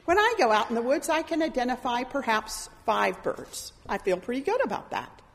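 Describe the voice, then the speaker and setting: A middle-aged woman pastor giving a sermon in a church, telling stories in an animated way and acting out the voices of the people she quotes. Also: on the high side, moderate pace. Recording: reverberant church hall.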